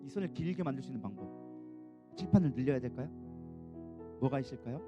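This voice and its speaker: A man's voice: mid-range voice, expressive, fast talker, over music. A male co-pastor preaching a sermon, telling the story with animation and putting questions to the congregation.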